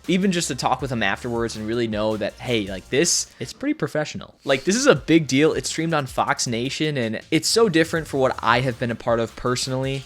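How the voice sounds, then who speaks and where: A man in his twenties talking casually to the camera, excited and rambling, with lots of "like" and "you know". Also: mid-range voice. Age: 20s. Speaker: vlogger and wrestler.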